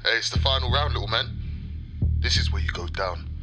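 Brief: a man voicing a taunting rival, menacing and cocky, heard through a landline voicemail with loud music behind. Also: lowish voice, a little fast. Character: taunting male rival issuing a threatening challenge. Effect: voicemail message played back over a landline phone.

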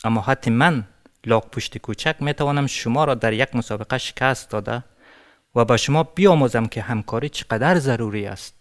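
A man's voice: mid-range voice, lightly acted. Give me a man playing a small, shrewd storybook tortoise with firm instructions. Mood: scolding. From Afghanistan. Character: small clever female tortoise.

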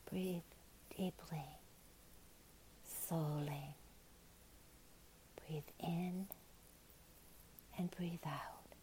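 A woman softly whispering a slow, soothing guided relaxation in ASMR style. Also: fairly low pitch, fairly even intonation, a little hiss or hum, low-quality recording.

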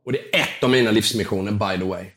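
A young man with a slightly hoarse voice, telling an animated story as a podcast guest and acting out the people in it. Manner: lively storytelling, acts out quotes with big jumps in pitch.

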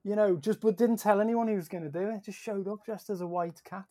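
A man's voice: high-pitched, fairly even intonation, fast, mellow, dry recording. A man, a musician, telling rambling stories in a casual podcast chat, often breaking into laughter.

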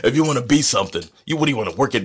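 A man voicing a gruff father who eggs his son on with loud, mocking bluster. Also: mid-range voice, lively intonation, very fast, voice pushed up.

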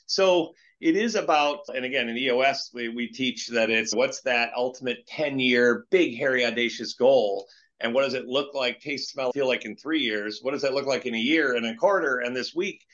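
A man's voice: medium pitch, moderate pace, highs cut off. Earnest rambling man in his late fifties. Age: 50s. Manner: earnest, rambling, animated storytelling. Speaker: guest entrepreneur. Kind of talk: casual interview talk.

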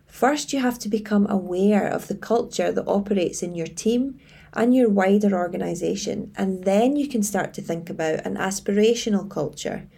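Female coach presenting structured advice, measured and tidy, with a mellow tone and gravelly fry. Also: medium pitch. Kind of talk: scripted advice presentation to camera.

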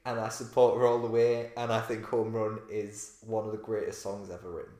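A man's voice: on the low side, level tone, fairly quick, warm tone. A man co-hosting a casual podcast chat, gossipy and opinionated, often laughing. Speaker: podcast co-host. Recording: echoey room.

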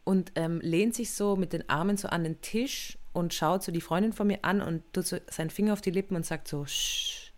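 A woman co-hosts a relaxed chat show, spinning anecdotes with lots of swing in her voice. She acts out the other people's lines as she goes. Her voice sits a little low for a woman. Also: fairly quick, hardly any pauses. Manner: animated storyteller, acts out quotes. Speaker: podcast co-host. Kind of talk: casual chat.

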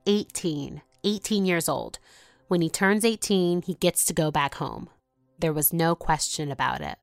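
Low-voiced female narrator, measured and scripted, dry booth sound with faint music. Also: vocal fry, no room sound.

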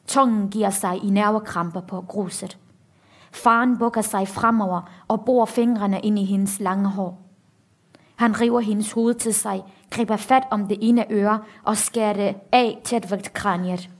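A woman author reading a passage from her book aloud in a steady, grave manner. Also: medium pitch.

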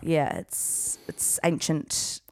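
A woman's voice: drawn-out words, darkish tone, dry recording. A woman co-hosting a podcast, talking in a dry, offhand way with casual swearing. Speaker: podcast co-host. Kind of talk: casual chat.

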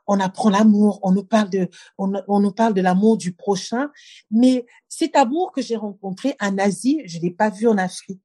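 A Cameroonian-born woman speaking with a mellow, unhurried warmth. She recites in a rhythmic cadence and talks reflectively, stopping often to search for the next word. The sound is close and dry. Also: medium pitch, husky, no echo. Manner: rhythmic recitation, then earnest and reflective with hesitations. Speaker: poet and guest. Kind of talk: poetry reading then conversation.

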